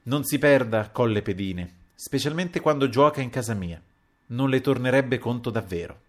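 A man's voice: medium pitch, lively intonation, normal speed, pitched above the performer's own voice, close to an everyday voice. A man reading a novel aloud and voicing a stern, imperious older count who gives curt orders. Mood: sharp. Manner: curt, commanding. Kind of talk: audiobook character voice.

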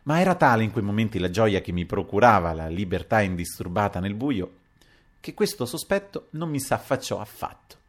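A man reading a literary audiobook aloud in an expressive, dramatic storytelling manner. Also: lowish voice, normal speed. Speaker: audiobook reader.

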